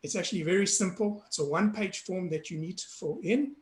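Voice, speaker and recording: Man, hoarse, frank and casual, raised pitch, echoey room. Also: fairly quick. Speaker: panelist on citizenship law.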